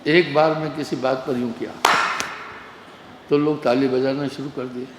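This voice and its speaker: Speaking at medium pitch and a moderate pace, a man preaches a sermon as a spiritual teacher, relaxed and humorous as he shares anecdotes. The background is noisy, and the hall produces a long, echoing reverb.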